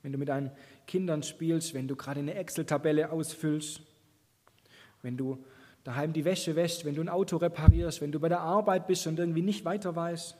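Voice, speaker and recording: A man preaching in a fairly high, husky voice with a mellow tone. He speaks earnestly and encouragingly, addressing his listeners directly. His voice carries a long reverb from a church hall. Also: fairly even intonation, brisk. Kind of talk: sermon.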